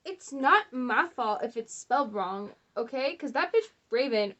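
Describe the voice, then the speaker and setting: Young female host, casual comedic read-along, sarcastic asides, voice a bit high. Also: animated, measured pace, a bit bright, highs cut off. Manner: sarcastic, laughing, swearing asides. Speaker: host reading fan fiction aloud.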